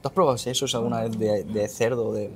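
A man's voice: mid-range voice, fairly even intonation, fast talker, soft background music. A young man with an accent from Spain chats casually as a guest. He is frank and squeamish and swears offhandedly. His voice comes through a lapel mic in a small, busy restaurant. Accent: Spanish from Spain. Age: young adult. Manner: candid and easily disgusted, swears casually. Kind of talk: casual chat. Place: small crowded restaurant, indoors.

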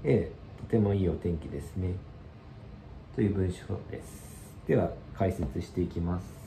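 A man giving a casual language lesson, explaining slowly and loosely with many fillers. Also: deep voice, gravelly, dark tone, echoey room, a little hiss or hum, poor audio. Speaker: Spanish teacher.

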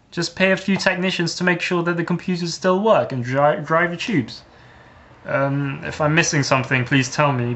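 A man's voice: mid-range voice, sharp tone. A teenage boy vlogging a casual, sarcastic comic rant with jumpy swings of emphasis.

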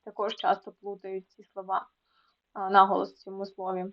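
A woman tutor explaining a lesson to students, repeating words slowly to contrast where the stress falls, with small fillers between them. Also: mid-range voice, completely flat delivery. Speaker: Ukrainian language tutor. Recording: dull lo-fi sound.

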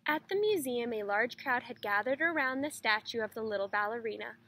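A woman teacher reading a children's picture book aloud in a clear, expressive way. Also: on the high side, brisk, slight background noise.

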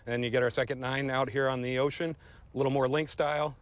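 A man's voice: medium pitch, level tone, fast. A man, a golf professional, interviewed outdoors on the course and describing it in a friendly, matter-of-fact way.

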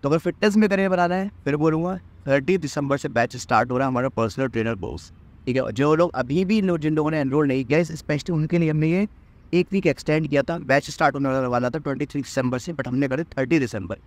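A man's voice: fairly high pitch, fast talker, darkish tone. A young man in his twenties, a fitness trainer, giving an earnest motivational talk to the camera outdoors in a park, speaking directly to viewers and often restarting phrases. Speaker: fitness trainer and course mentor. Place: outdoors in a park under a tree. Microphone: camera at medium distance.

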